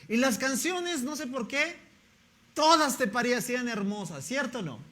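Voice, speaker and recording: High-voiced pastor preaching. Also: male voice, lively intonation, normal speed, a bit bright. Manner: conversational, keeps asking the congregation rhetorical questions. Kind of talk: sermon.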